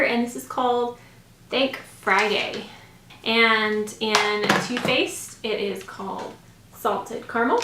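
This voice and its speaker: Chatting informally to camera, a beauty vlogger in her thirties gushes over makeup in a slightly scratchy voice that sits a little high and a bit bright. She's indoors in a small home room, and the recording carries a roomy echo.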